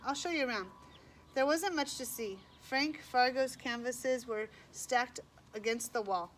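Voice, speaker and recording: A woman reads a children's novel aloud in a plain, even storytelling manner. Her voice is fairly high, and faint background noise runs under the reading. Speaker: reader.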